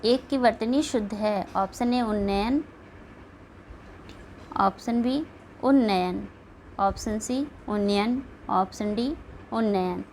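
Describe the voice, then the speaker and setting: Gravelly-voiced woman teacher, steady. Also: mid-range voice, slow pace, pauses often, slight background noise, low-quality recording. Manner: steady, checks in with repeated "ठीक है". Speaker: exam coaching teacher. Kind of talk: spelling lesson walkthrough.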